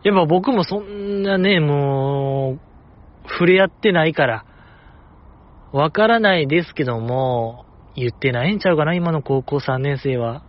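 A man's voice: a little high, expressive, lo-fi sound. A man with a Kansai accent hosting a podcast, chatting casually and joking as he reads listener mail. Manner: joking, self-deprecating banter with quick laughs. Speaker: podcast host.

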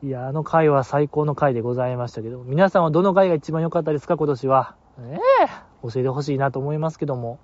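A man's voice: mid-range voice, fast talker, darkish tone. A man with a Kansai accent hosting a casual solo talk show, rambling and chuckling through listener mail. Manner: rambling, chuckling, many fillers. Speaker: radio host reading listener mail. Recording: dull lo-fi dry recording.

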